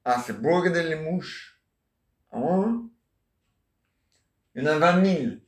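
An unhurried man with a fairly high voice and lively intonation performs solo as an amateur, improvising a rambling comic monologue. Full of chatty replies to imagined listeners and extra questions, his talk is studded with "hein?" and "ah ouais", recorded in an echoey room.

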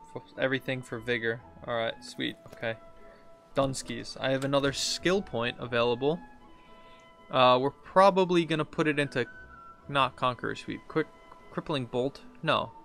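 This gaming video host, a man in his thirties, takes an unhurried pace, his medium-pitched voice creaky and fairly bright. Sitting at a computer indoors with game music in the background, he offers casual, slangy let's play commentary, reacting and thinking out loud.

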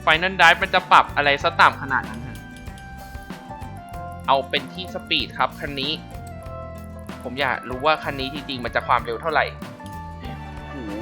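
A man giving casual racing game commentary, chatty and polite as he explains, then bursting into loud excited exclamations. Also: mid-range voice. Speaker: gameplay commentator. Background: racing game music.

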